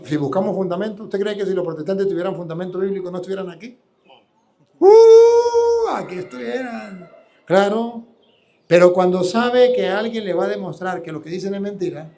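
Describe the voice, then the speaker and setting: Priest, man, high voice, preaching live, combative and full of rhetorical questions. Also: a little mellow.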